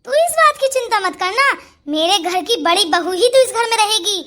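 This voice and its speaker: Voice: very high voice, animated, normal speed, sharp tone, heavily acted. A performer voicing a sly, bossy older mother-in-law in a Hindi cartoon story, scolding and plotting. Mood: scheming.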